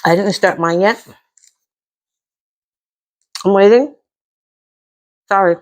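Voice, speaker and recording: A woman's voice: medium pitch, takes it slowly. A middle-aged American woman chatting casually to viewers as she eats, with savoring mms between bites. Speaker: mukbang host. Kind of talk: casual chat to viewers while eating.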